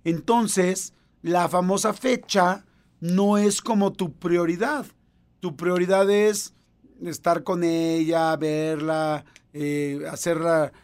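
High-voiced joking Mexican man. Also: darkish tone, smooth. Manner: jokey storyteller, mimics women in a high voice. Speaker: podcast co-host. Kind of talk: casual chat.

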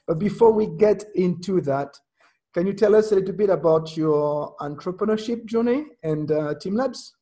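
A man's voice: high voice, normal speed, warm tone. A man speaking as a podcast host, delivering scripted introductions and interview questions.

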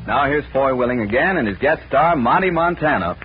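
An American man delivers formal announcements as an old-time radio announcer. His medium-pitched voice comes through a dull vintage recording. Loud music plays behind him. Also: animated, fairly quick.

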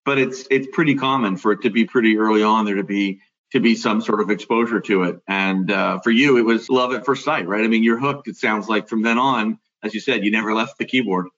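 A podcast host makes friendly, chatty introductions full of fillers. His fairly low voice moves briskly with a fairly bright tone, though the recording cuts off the highs.

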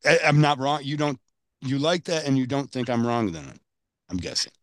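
A man hosting a casual interview, rambling with halting restarts. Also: medium pitch, expressive, fairly bright tone, dry recording. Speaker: podcast host.

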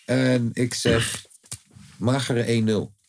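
A man's voice: medium pitch, flat delivery, slow, a little hiss or hum. A man hosting a casual football podcast, joking, teasing and swearing freely. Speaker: podcast host.

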